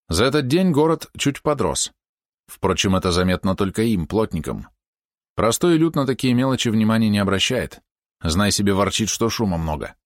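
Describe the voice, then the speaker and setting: A man narrating an audiobook in a measured, expressive storytelling manner. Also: deep voice, no echo, studio quality. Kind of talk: scripted narration.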